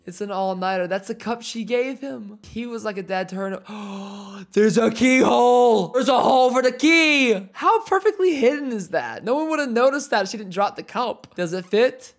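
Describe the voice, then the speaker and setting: Reading subtitles aloud between laughs and exclamations, a young man in his twenties gives excitable, casual commentary on an anime episode. He records on a headset in a small home room, speaking at normal speed in a very high voice with few pauses.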